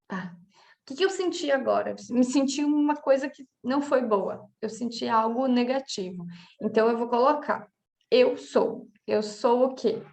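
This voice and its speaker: Brazilian woman coach, casual lesson, tosses in little "tá?" checks, higher-pitched with vocal fry. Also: darkish tone. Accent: Brazilian Portuguese. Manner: talks through examples, with many filler checks like "tá?". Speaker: coach teaching a class.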